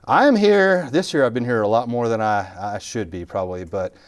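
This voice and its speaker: A man's voice: mid-range voice, fairly quick, clear, resonant tone. A middle-aged man, a fire captain joking through a casual interview. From Texas Panhandle. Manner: joking, self-deprecating, talks while chewing.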